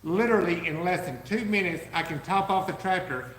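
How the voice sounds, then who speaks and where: A man's voice: brisk, a bit bright, slight background noise. Upbeat man in echoey warehouse. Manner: enthusiastic salesman-like pitch. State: losing his voice. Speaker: podcast co-host, business owner. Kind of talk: casual live podcast chat.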